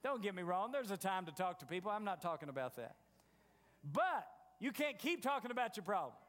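A man's voice: sits high, very animated, a little fast, a bit bright, in a large hall, a little hiss or hum. A man preaching a sermon in a folksy, storytelling way, acting out the voices of doubters.

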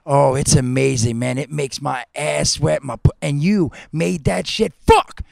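A man's voice: on the high side, steady tone, unhurried, gravelly, dry recording, studio quality. A man voicing a flirty, crude female comic customer in an improvised comedy script reading. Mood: excited. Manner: crude, teasing, laughs mid-line.

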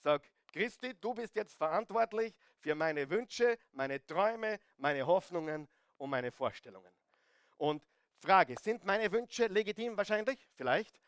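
A male preacher with a fairly high voice delivers a lively sermon. He keeps turning to his listeners with questions and drops in humorous asides. The sound is dry, with no room echo. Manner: animated, addresses listeners directly with rhetorical questions. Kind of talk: sermon on marriage.

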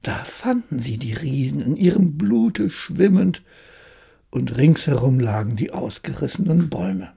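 A storyteller reading a fairy tale aloud calmly as a bedtime story. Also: medium pitch, creaky, breathy edge. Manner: slow, calm storytelling.

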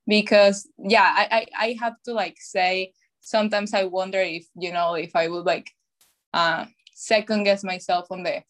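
A woman's voice: mid-range voice, moderate pace. Chatty young woman from Venezuela. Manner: chatty, lively, lots of "like" and "you know". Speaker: podcast co-host, guest. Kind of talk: casual interview.

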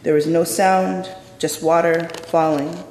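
A woman telling a personal story live on stage in a measured, solemn way. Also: lowish voice, fairly even intonation, darkish tone, a little hiss or hum. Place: stage in a theater. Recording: echoey hall from a stage.

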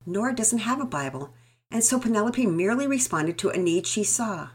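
A woman reading a gentle, patient mom. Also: medium pitch, expressive, breathy edge, pitched above the performer's own voice. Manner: soft, polite, measured. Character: gentle, patient mother, calm under pressure.

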